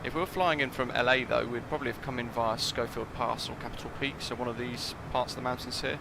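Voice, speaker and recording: A man's voice: mid-range voice, fairly even intonation, fast talker, vocal fry, noisy background. A man casually talking through a flight sim live stream, thinking aloud and chatting with his viewers.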